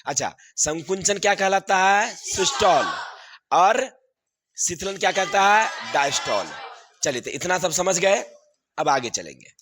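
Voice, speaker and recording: A man's voice: sits high, lively intonation, a little slow, noisy background. A man, teaching a class and going over exam answers, repeating questions and laughing often.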